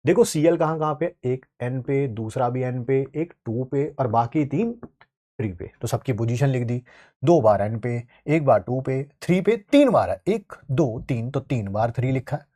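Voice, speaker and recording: Animated playful male chemistry teacher. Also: medium pitch, normal speed. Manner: playful, teasing students while writing on the board. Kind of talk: live online class, chatty explanation.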